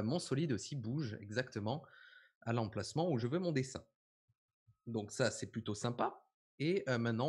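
A man's voice: mid-range voice, husky. A man giving a casual live tutorial on visual effects, explaining step by step with lots of fillers. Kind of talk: live software tutorial chat.

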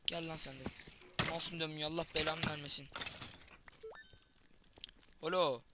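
Excitable man swearing at a game. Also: fairly high pitch, normal speed, heavy background noise. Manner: excitable, swearing, mock-sportscaster asides. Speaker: gaming YouTuber. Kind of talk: live gameplay commentary.

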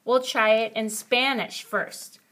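A woman's voice: a little high, fairly even intonation, slow pace, bright, forceful tone. A woman speaking as a kids show host, teaching young children in an encouraging, sing-song way with praise and questions.

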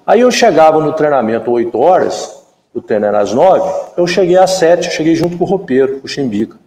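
A man from Brazil in his fifties, a former footballer and guest in a live chat, telling a story in an animated way and acting out the dialogue. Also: a little high, brisk. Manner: animated storyteller who acts out quoted dialogue. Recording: echoey room with long reverb.

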